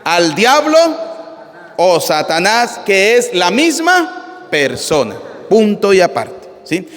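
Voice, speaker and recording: High-pitched guy priest giving a sermon, blunt, asks the crowd questions all the time, big echoey church. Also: sing-song, slow pace, a bit bright. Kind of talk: live sermon on the Gospel. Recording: reverberant church hall.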